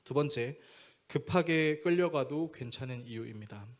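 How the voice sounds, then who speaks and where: A man's voice: mid-range voice, normal speed. A male pastor preaching a sermon, telling a story vividly and acting out the dialogue. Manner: animated storyteller who acts out dialogue.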